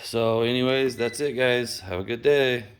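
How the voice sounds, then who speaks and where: A man's voice: mid-range voice, moderate pace, smooth. A man giving a casual, folksy vlog tour, muttering to himself now and then, with the sound of an indoor outbuilding. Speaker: vlogger. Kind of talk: casual vlog, showing a space. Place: old converted chicken coop, indoors. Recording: steady background hum and noise.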